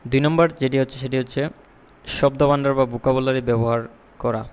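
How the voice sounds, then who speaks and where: A man teaching IELTS speaking tips in a lesson. He explains in Bengali, slips in English terms, reads example sentences slowly and repeats key points. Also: medium pitch, fairly even intonation, clear, resonant tone, long reverb tail. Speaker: IELTS tutor. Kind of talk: spoken exam-tips lesson.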